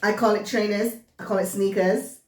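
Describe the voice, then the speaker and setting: A woman's voice: mid-range voice, fairly even intonation, moderate pace, slight background noise. A woman co-hosts in easy banter, her accent a mix of British, American and Jamaican. She sounds a little away from the mic, in a room with plenty of echo. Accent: mixed British, American and Jamaican. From born in Britain, raised in Chicago. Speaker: co-host. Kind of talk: casual banter. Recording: echoey room, distant from mic.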